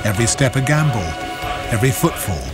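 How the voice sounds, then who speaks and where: A man's voice: medium pitch, expressive, fast. A man reading dramatic, scripted documentary narration in grave, emphatic short phrases. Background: music.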